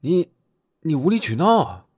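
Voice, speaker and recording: A woman voicing a doting young husband who talks gently and coaxingly, with a hint of menace. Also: sits low, very animated, moderate pace, breathy edge, dry recording, studio quality, pitched below the performer's own voice, full character voice. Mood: defensive. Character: doting young husband, soft-spoken, quietly sinister.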